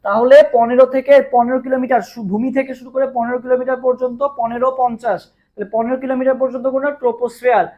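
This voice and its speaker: A man with a Bangladeshi Bengali accent teaching a live online chemistry class, his voice hoarse from a long day of teaching, repeating questions and drilling answers with students. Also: very high-pitched, little pitch movement, very fast, lo-fi sound.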